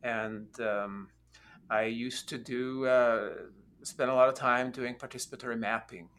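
A man's voice: medium pitch, steady tone, unhurried, fairly bright tone, slight background noise. A man from Norway, a guest professor in an interview, hesitant with many "um"s and restarts. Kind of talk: casual interview talk.

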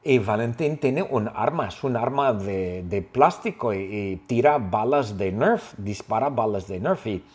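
A man telling a simple story for language learners, lively and playful, with his own sound effects. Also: on the low side, a little slow, hardly any pauses. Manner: animated, makes gun sound effects. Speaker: language teacher.

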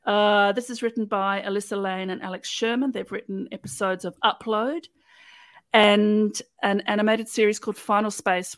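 A woman's voice: mid-range voice, dry recording. Chatty woman host recapping a show. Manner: playful, chatty, storytelling. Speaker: podcast host recapping episodes. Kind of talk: casual chat, episode recap.

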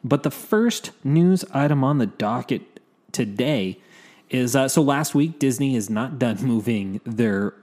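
A man's voice: mid-range voice, expressive, unhurried, darkish tone. Echoey, upbeat man hosting a podcast. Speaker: podcast co-host. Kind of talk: casual movie news chat. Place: new home podcast studio without soundproofing. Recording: echoey untreated studio room.

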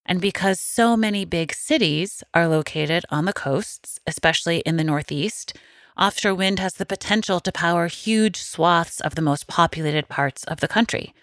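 A woman co-hosts a narrative podcast with a somewhat low voice. She narrates in a light, conversational way with an easy, joking touch. The recording is dry and close. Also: moderate pace, a bit bright, dry recording. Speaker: podcast co-host.

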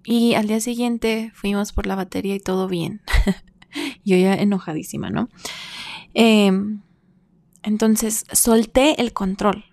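A woman's voice: mid-range voice, steady tone, slow pace, vocal fry, pauses often, a little mellow, no room sound. A woman telling a personal story in a casual, reflective way, laughing between phrases and acting out her own past thoughts. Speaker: vlogger.

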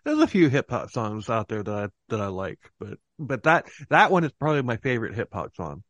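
A man's voice: medium pitch, big pitch swings, a little fast, no echo. A man hosting a podcast in casual chat, laughing often as he talks. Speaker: podcast host.

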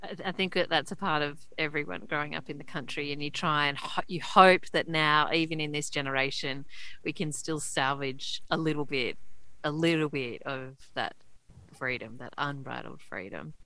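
A woman hosting a podcast, reading a smooth intro and asking relaxed questions. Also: sits low, normal speed. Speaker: podcast host. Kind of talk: scripted intro then casual interview.

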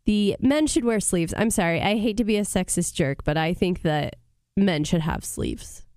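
Hoarse woman on a podcast mic, chatty and dry, very close dead sound. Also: fairly low pitch, sing-song, normal speed, darkish tone, dry recording. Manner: chatty, self-deprecating, dry asides. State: hoarse from illness. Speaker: podcast co-host. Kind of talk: casual chat recapping a reality show. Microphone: studio microphone.

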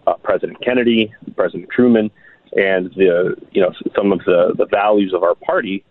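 A man in his thirties speaks in a deep, low voice over a thin, tinny phone line. He talks earnestly and haltingly, restarting his sentences and filling gaps with "uh". The line sounds dry, with no room around it. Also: no echo. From Miami, United States. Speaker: guest writer. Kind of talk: radio interview over the phone.

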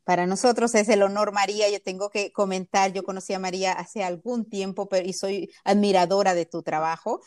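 A woman's voice: medium pitch, steady tone, a little fast, few pauses, a little mellow. A woman hosting an interview, introducing her guest with enthusiasm. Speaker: interview host. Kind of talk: podcast interview.

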